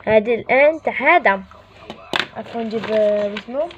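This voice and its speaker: Woman with an Algerian accent, high pitch, casual teacher who apologizes and self-corrects, dull lo-fi recording. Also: fairly quick, noisy background. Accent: Algerian Arabic. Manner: apologizes often, repeats and corrects herself. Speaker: French teacher. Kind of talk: casual classroom lesson.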